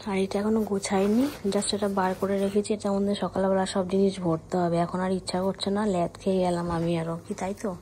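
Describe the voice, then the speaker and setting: A woman's voice: mid-range voice, fast talker, few pauses, slight background noise. A young woman vlogging in a casual, chatty way. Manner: lively and chatty, hushed late at night. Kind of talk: casual vlog chat.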